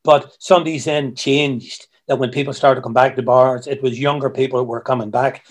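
Guy on a video call, keeps stumbling over his words, mid pitch. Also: steady tone. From Ireland. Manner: halting, repeats words, storytelling. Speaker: guest musician. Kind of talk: casual interview chat.

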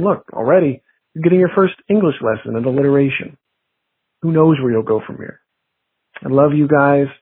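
Man caller on a landline voicemail, husky raspy voice, dry tinny phone sound, earnest well-wishing message. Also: mid-range voice, no room sound. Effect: heard over a landline phone as a voicemail. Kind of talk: heartfelt voicemail greeting.

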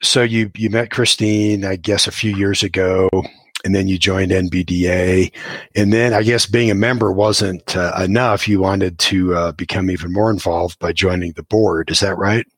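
A man hosting a casual interview, asking relaxed questions and laughing along. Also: deep voice, normal speed, no room sound. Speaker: interview host.

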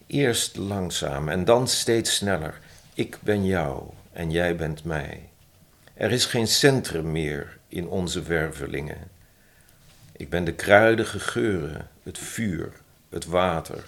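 A man, a podcast guest who is a publisher and poet, talking thoughtfully and reading his own poem slowly. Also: deep voice. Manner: slow, thoughtful, reads his own poem softly and deliberately. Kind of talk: conversational interview with a slow poetry reading.

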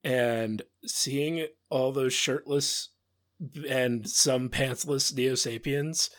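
A man hosting a casual podcast, recapping an episode with playful asides and frequent laughter. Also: mid-range voice. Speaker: podcast host.

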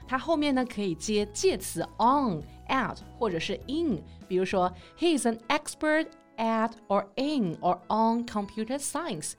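Woman co-host teaching english words, bouncy high voice, spells stuff out, soft music behind. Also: animated. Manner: explains slowly, spells out words letter by letter. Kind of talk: bilingual teaching chat.

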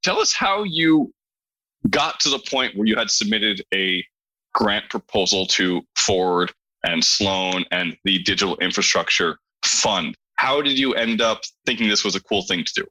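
A man's voice: on the low side, animated, a little slow, pushed and bright, low-quality recording. A man hosting a podcast, opening the show and introducing a guest in an upbeat, chatty way. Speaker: podcast host. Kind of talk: scripted podcast introduction and interviewing.

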